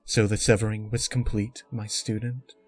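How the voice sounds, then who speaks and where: A man's voice: lowish voice, little pitch movement, moderate pace, darkish tone, faint music behind, close to an everyday voice. Man voicing Princess Celestia, imperious schemer. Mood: cool approval. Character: regal pony princess, cold scheming villain mentor.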